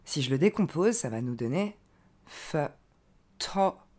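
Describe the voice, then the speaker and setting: A woman teaching pronunciation, modelling each English word slowly and clearly and repeating it, with encouraging explanations in between. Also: rumbling low, sing-song, mellow. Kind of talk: pronunciation lesson.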